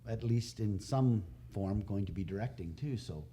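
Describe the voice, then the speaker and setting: A middle-aged man chats casually on a podcast in a lowish voice, spinning loose, rambling stories that drift and restart. He chuckles at his own asides. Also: normal speed, mellow, a little hiss or hum. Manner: rambling anecdotal storytelling, trailing off and chuckling. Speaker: podcast guest, community theatre director and actor.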